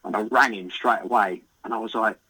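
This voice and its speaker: A young man, a podcast guest recounting a catch in excited, vivid casual chat with the odd swear word. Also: lowish voice, fairly quick, husky, poor audio. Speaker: podcast guest, carp angler.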